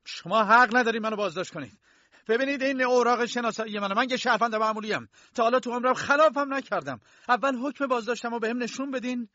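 A wronged young clerk of thirty shouts his protests, high and strained, with a man reading the part. His outrage comes across on a dull, lo-fi audiobook track. The room adds no echo at all. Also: animated, creaky, breathy edge. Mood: outraged. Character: indignant thirty-year-old male bank clerk, arrested. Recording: dull lo-fi dry recording.

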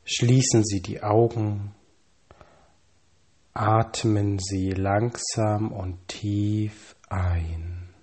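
A man calmly reading scripted guided relaxation instructions, with measured pauses and slow counting. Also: fairly low pitch, husky.

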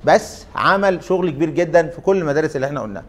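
A man's voice: a little high, lively intonation, rapid-fire. A man with an Egyptian Arabic accent giving an interactive lecture. He often questions the class and stretches out his fillers.

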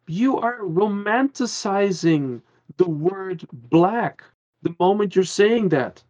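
A man's voice: high-pitched, muffled recording. A man from the Caribbean, a guest on a podcast, talking in an earnest, rambling way with many restarts. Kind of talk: casual podcast conversation.

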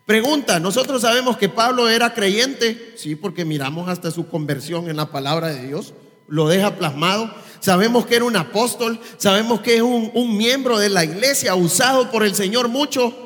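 A man with a notably high voice preaches a sermon, quizzing the congregation with rhetorical questions as he goes. His words ring out with a long reverb from the church hall around him. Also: a bit bright. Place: church service.

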